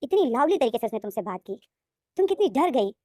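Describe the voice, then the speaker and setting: A woman's voice: on the high side, big pitch swings, quick pace, darkish tone, dry recording, clean studio sound. A woman voicing a stern wealthy father who scolds his son and shields his wife.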